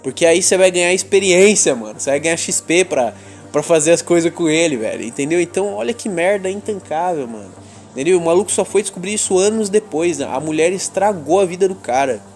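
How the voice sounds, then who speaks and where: A man's voice: high-pitched, lively intonation, fast talker, soft background music. A young man with a Brazilian Portuguese accent, hosting a podcast in a crude, slangy, rambling monologue with frequent laughs. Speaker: podcast host. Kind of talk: casual chat monologue.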